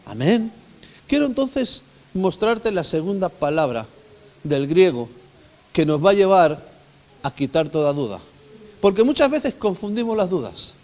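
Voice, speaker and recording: A male pastor preaches with emphatic swings between loud calls and hushed asides, often asking the congregation questions. His voice sits high for a man. The sound rings with the long reverb of a church hall. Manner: emphatic, rising and falling dynamically, asks the congregation questions. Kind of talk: sermon.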